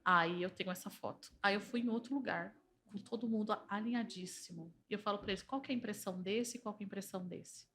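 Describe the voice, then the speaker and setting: Brazilian portuguese accent, woman, podcast guest, animated, persuasive, anecdotal. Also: mid-range voice, fast. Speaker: entrepreneur and organizational systemic therapist. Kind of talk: podcast conversation.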